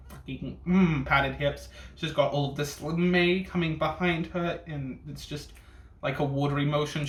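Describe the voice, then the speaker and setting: A man's voice: on the high side, a bit bright. A man giving casual reaction commentary as a reviewer, with a sassy, bitchy drag-queen delivery full of camp slang and swearing. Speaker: reviewer hosting a ranking video. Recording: echoey room with faint noise.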